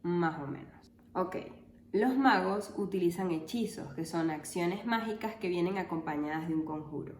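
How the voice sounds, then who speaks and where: Lower-pitched woman explaining, roomy. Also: moderate pace, a little hiss or hum. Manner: explanatory with dry, deadpan jokes. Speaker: linguistics educator. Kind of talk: casual educational video.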